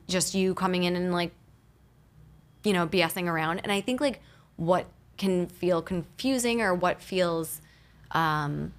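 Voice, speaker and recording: A woman entrepreneur chatting as a guest in a studio interview, talking fast and loose with plenty of "like" fillers. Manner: chatty, fillers of "like", lively pitch swings. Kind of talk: casual interview chat. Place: recording studio. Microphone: studio microphone.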